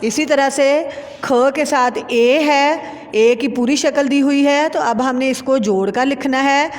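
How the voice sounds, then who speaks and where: A woman's voice: high-pitched, slow, long reverb tail. A woman teacher with a Pakistani Urdu accent, patiently spelling out words letter by letter in a lesson for young children. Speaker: school teacher.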